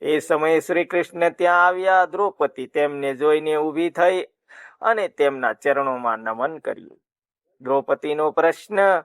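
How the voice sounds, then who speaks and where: A man narrating a scripted mythological story in a steady, even way, announcing each section. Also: on the high side, a little slow, clean tone, no room sound.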